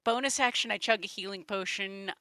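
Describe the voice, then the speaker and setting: A woman's voice: medium pitch, a little fast, bright, forceful tone, no room sound. A woman playing a tabletop game, emphatic as she declares her character's actions. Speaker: player.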